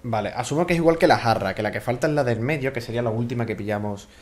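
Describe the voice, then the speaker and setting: A man gives casual running commentary over a game. He jokes, swears freely and talks to the characters on screen. His voice sits at a middling pitch, with clear game music playing under it. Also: racing. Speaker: gameplay commentator.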